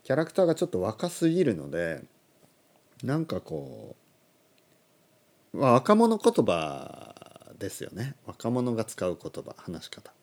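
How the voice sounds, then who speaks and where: Animated man in his thirties. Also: medium pitch, a little slow, pauses often. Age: 30s. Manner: animated, chuckling, corrects his own phrasing aloud. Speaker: Japanese language teacher, podcast host. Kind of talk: casual podcast lesson.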